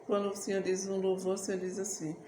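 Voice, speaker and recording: A woman's voice: mid-range voice, monotone, dark tone, a little hiss or hum. Woman preaching in an echoey room. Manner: rambling devotional talk, breaks into slow singing. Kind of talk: informal sermon with sung worship.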